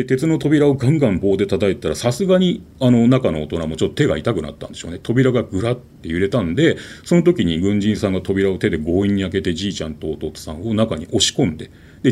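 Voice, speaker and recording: A man telling a ghost story in an animated, dramatic way, with vivid sound words. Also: on the low side, fast talker.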